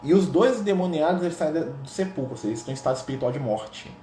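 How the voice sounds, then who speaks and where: This man talks very fast in a slightly high, animated, mellow voice, teaching a gospel study informally with a Brazilian Portuguese accent. His phrases frequently close on tag questions, and the roomy, echoey recording carries a little hiss or hum.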